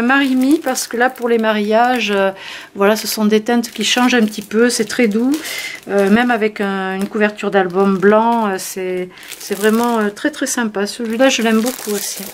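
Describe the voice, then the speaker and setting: A woman with a slightly high voice chats her way through new craft papers, pausing often on little fillers. A faint hiss and the crinkle of paper sit under her voice. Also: steady tone. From France. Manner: hesitant, many fillers, friendly. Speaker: scrapbooking shop owner. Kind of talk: casual product show-and-tell.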